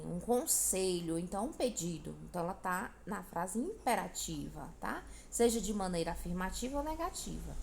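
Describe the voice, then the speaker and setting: A woman's voice: medium pitch, gravelly, slight background noise. A woman, teaching a recorded grammar lesson, explaining step by step and often checking in with her students.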